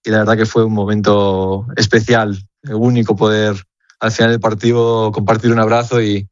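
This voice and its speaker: A young man from Spain, a footballer, answering questions earnestly over the phone, halting and repeating words as he searches. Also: fairly low pitch, little pitch movement, no echo, lo-fi sound. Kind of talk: phone interview.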